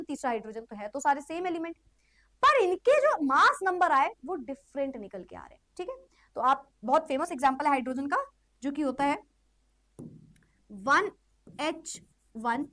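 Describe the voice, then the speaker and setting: A woman's voice: high voice, fairly bright tone. A woman teaching a chemistry lecture in a chatty way, often checking in with her students and adding playful asides. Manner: repeats herself, checks in often. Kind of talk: classroom lecture.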